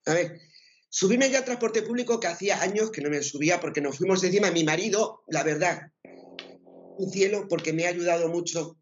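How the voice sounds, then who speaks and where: A woman with an accent from Spain, telling her story as an interview guest in a lively way and repeating words for emphasis. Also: on the low side, brisk, lo-fi sound. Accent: Spain Spanish. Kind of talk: personal testimony in conversation.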